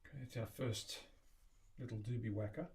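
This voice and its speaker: A man's voice: on the low side, a little fast, darkish tone. A man demonstrating guitar making in a woodworking workshop, chatty and thinking aloud as he works, with playful outbursts. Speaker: guitar maker. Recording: voice distant from the mic.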